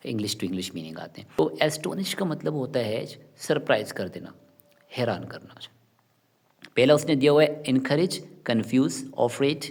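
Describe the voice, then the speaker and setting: Gravelly-voiced man teaching a grammar lesson. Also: medium pitch, darkish tone. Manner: reads English questions slowly, explains in Urdu. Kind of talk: exam-prep lesson explanation.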